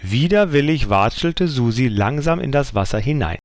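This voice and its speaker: Lively man reading a children's story. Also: mid-range voice, moderate pace, no echo, studio quality.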